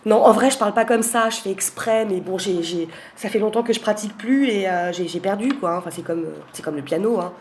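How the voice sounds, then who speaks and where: Chatting casually at a mid-range pitch, a tarot reader moves a little fast with few pauses, introducing her cards one at a time. Amid fillers and asides she raises her voice on every card name, and there's a faint hiss or hum in the recording.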